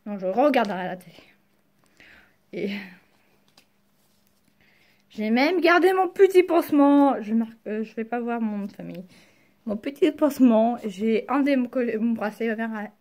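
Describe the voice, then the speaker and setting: A young woman chats casually in a vlog, halting and slangy, speaking carefully with a sore mouth after wisdom teeth removal. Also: a little high, animated, a little mellow. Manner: halting, slangy, searching for words. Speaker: vlogger. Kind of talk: casual personal storytelling to camera.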